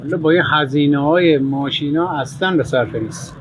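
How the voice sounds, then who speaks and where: A man working as a taxi driver, chatting casually and complaining as he answers an interviewer. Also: a little high. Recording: noisy vehicle and street ambience.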